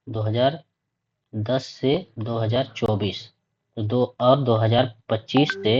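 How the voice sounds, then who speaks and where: A man's voice: medium pitch, darkish tone, breathy edge. A man teaching a lesson, reading points aloud and explaining them, often checking in with "okay". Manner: reads points aloud then explains, repeats 'ठीक है' often. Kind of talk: classroom lecture. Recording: dull lo-fi recording.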